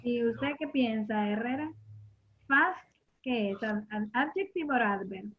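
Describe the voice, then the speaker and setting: A woman's voice: a little high, expressive, takes it slowly, husky. A woman teaching an English grammar lesson, patiently explaining and repeating questions to her students. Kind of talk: classroom lesson. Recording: muffled lo-fi recording.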